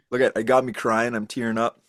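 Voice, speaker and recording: A man's voice: medium pitch, fairly bright tone. A man as a podcast guest in casual chat, talking with gushing enthusiasm. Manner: enthusiastic, gushing fan talk.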